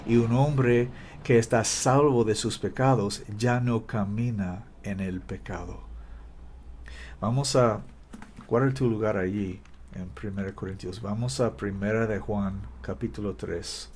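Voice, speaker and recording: A male preacher in Spanish, giving an emphatic, halting scripture sermon and correcting himself as he goes. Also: lowish voice, steady tone, darkish tone, a little hiss or hum. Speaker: preacher, minister.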